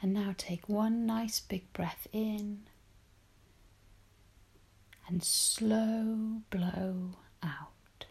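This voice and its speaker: A woman leading a guided relaxation meditation in a soft, breathy spa-like whisper, soothing and gentle, with long pauses. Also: medium pitch, steady tone.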